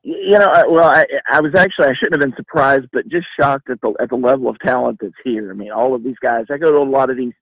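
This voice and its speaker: A man reporting in to a sports show, joking and halting, often restarting his sentences. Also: mid-range voice, no echo, highs cut off. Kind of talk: casual chat on a call-in.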